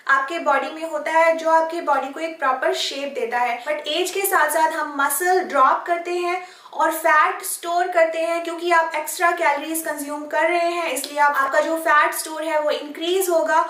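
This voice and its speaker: A woman's voice: high voice, steady tone, moderate pace, sharp tone. A woman fitness vlogger giving earnest, encouraging instructional advice to camera, switching often into English phrases. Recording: echoey room, mic at a distance.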